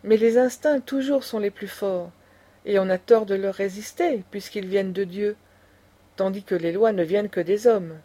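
A proud, scornful old grandmother of noble taste, lecturing with passion, as a woman reads her. The voice is mellow and dark in tone, with a middle pitch. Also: normal speed, natural voice. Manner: impassioned, lecturing.

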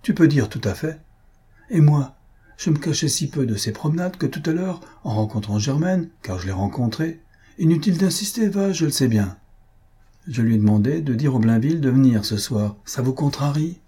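A man's voice: mid-range voice, expressive, moderate pace, mellow, breathy edge, voice pushed up. A man voicing a breezy young husband. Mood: defensive. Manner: lightly defensive.

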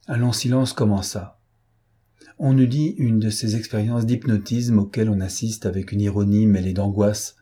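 A man reading a classic novel aloud as an audiobook narrator in a measured storytelling manner. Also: lowish voice, warm tone, husky. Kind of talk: scripted literary narration.

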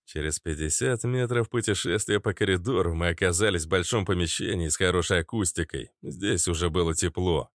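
A man's voice: low-pitched, fairly quick, hardly any pauses, dry recording. Male audiobook narrator, dry sound.

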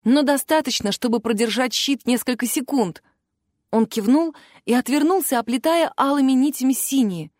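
Woman reading an audiobook, expressive, kinda high voice, dry close mic. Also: normal speed, no echo. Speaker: audiobook narrator. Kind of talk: first-person audiobook narration.

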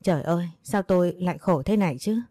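A woman's voice: on the low side, quick pace, warm tone, no room sound, studio quality, lightly acted. A woman voicing a poor, distraught middle-aged village wife who laments and pleads.

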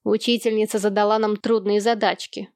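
A woman's voice: mid-range voice, little pitch movement, a little fast, a little mellow, no room sound, studio quality, close to an everyday voice. A woman voicing a stubborn, bookish schoolboy, in an audiobook. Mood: earnest. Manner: earnest, defiant.

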